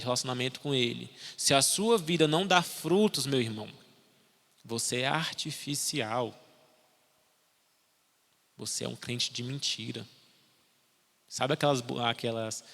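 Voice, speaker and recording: Young male preacher, gravelly and bright, emphatic sermon delivery, long reverb in a church hall. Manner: emphatic, rises in pitch to exhort, drops low to drive points home.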